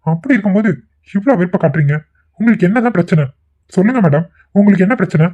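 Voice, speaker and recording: A man voicing a gentle young man in a cartoon who pleads earnestly and gets flustered. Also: sits high, lively intonation, rapid-fire. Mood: pleading. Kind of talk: cartoon voice acting. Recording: tinny phone-like recording.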